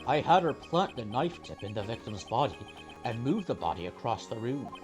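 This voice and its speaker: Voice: medium pitch, very animated, normal speed, over music, close to an everyday voice. A person voicing a scheming, smug old male police chief with an old man voice, in a video game read-aloud. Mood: coolly confessing. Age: older.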